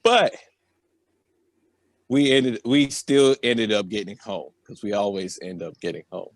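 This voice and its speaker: Speaking a little slowly in a lowish voice, an American man rambles through a funny personal anecdote, slangy and loose, often adding filler phrases. The recording is dry.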